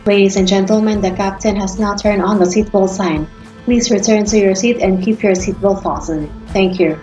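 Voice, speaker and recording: A woman's voice: medium pitch, steady tone, moderate pace, dark tone, muffled recording. A woman with a Filipino accent reading cabin announcements aloud as a flight attendant, in a formal, polite scripted style. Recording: roomy echo, background music. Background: faint to clear music.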